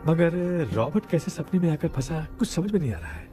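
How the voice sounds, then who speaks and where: An actor dubbing a composed male ghost expert who talks in a calm, instructive way. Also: fairly high pitch, brisk, soft background music, lightly acted. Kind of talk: Hindi film dubbing.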